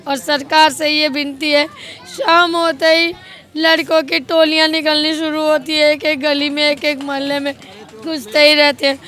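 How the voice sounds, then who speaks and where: Distressed high-voiced middle-aged woman. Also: flat delivery, normal speed, a bit bright. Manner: distressed, pleading, tearful at times. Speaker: victim's stepmother. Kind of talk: street interview testimony.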